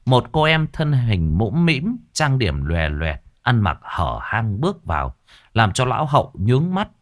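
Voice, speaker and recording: A man telling a story in an earthy, colloquial, animated way. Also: medium pitch, unhurried. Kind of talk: storytelling narration.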